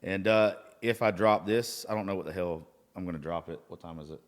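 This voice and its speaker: A man's voice: low voice, a little fast. A hungover man in his thirties hosting a casual podcast chat, rambling, gushing and swearing freely. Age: 30s. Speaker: podcast host. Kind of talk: casual chat, profanity-laden. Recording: reverberant room.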